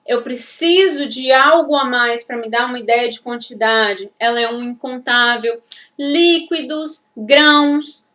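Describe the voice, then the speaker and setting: A woman's voice: high-pitched, sharp tone, distant mic. A woman English teacher from Brazil giving a step-by-step grammar lesson, often stopping to check that listeners follow. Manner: explains step by step, with frequent checking tags. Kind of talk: classroom-style grammar lesson. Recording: echoey room, voice from off the mic.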